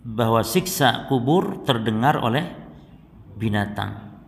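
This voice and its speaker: A man's voice: mid-range voice, expressive, slow, a little hiss or hum. Man teaching a religious lesson in a reverberant hall. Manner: recites Arabic then explains it, addressing the congregation. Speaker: Islamic teacher.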